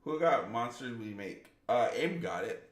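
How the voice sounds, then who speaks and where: A man's voice: medium pitch, lively intonation, unhurried. Rambling man on a gaming stream, roomy echo. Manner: rambling, reads viewer comments aloud. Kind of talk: casual live-stream chat.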